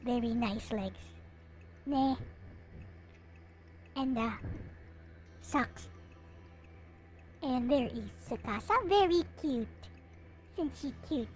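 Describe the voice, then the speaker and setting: With music playing behind her, a female streamer shows off her collectible anime figures in a casual, playful show-and-tell. Her high voice has a sing-song lilt, and she talks very slowly, stopping often.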